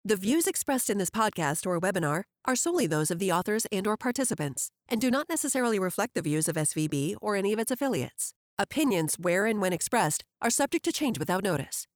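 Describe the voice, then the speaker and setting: A woman's voice: medium pitch, no echo, clean studio sound. A woman narrator reads a scripted legal disclaimer in a formal, precise way. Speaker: disclaimer narrator for a financial podcast.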